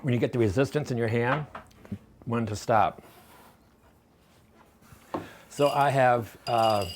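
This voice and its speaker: A man walking through a recipe in his home kitchen with a relaxed, folksy manner. He chats and wanders off into side stories between steps, in an ordinary mid-range voice. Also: mid-range voice, slight background noise. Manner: chatty, rambling, folksy. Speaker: home cooking vlogger. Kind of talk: casual recipe demonstration.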